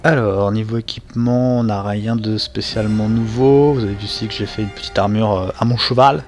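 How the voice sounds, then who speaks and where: A man's voice: on the low side, steady tone, a little fast, a little mellow, faint music behind. A man hosting a let's play, giving chatty, self-mocking gameplay commentary.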